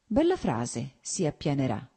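A woman's voice: a bass voice, huge pitch swings, measured pace, slightly rough, exaggerated voice. A woman voicing a guilty, self-pitying husband. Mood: musing. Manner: soft, rueful, self-pitying. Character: weak-willed guilty husband, fond of witticisms.

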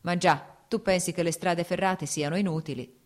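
A calm, worldly nobleman who needles his brother-in-law with easy composure, as a woman reads him. The voice sits slightly low and unhurried in a storybook telling. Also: lightly acted. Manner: calm, teasing. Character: easygoing worldly male nobleman.

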